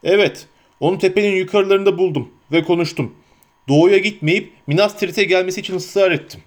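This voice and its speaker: A man doing a slow, guilt-ridden warrior. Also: sits high, pitched above the performer's own voice, lightly acted. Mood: heavy. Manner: slow, hesitant.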